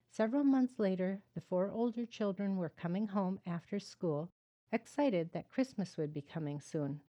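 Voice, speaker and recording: A woman author reading her own book aloud in a measured, earnest narration, then speaking to her viewers. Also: medium pitch, dark tone, lo-fi sound. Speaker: author and host.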